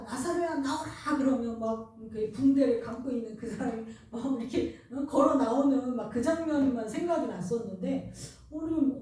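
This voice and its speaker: A woman's voice: fairly high pitch, mellow. A woman pastor giving an earnest, conversational sermon and asking the congregation questions. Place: church sanctuary. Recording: very echoey church hall, distant mic.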